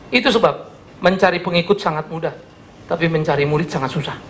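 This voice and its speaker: Indonesian pastor guy preaching, gravelly voice, bit of hiss behind. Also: high-pitched. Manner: earnest, animated preaching with rhetorical questions. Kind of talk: sermon. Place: church service.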